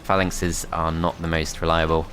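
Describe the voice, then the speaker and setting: A man's voice: very deep voice, level tone, normal speed, a bit bright, faint music behind. A man commentating his strategy game as he plays, thinking aloud in a tentative, self-critical way. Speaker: gameplay commentator.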